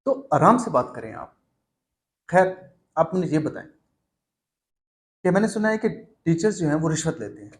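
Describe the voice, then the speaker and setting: A man hosting a mock interview in a comedy sketch, speaking in a measured, formal way that turns stern when he scolds his guest. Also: a little high, very animated. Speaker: host.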